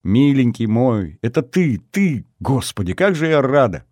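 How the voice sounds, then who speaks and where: A man's voice: mid-range voice, big pitch swings, a little slow, a little mellow, no echo, clean studio sound, pitched above the performer's own voice. A man reading an audiobook voices an overjoyed, tearful young woman with a gushing, breathless delivery.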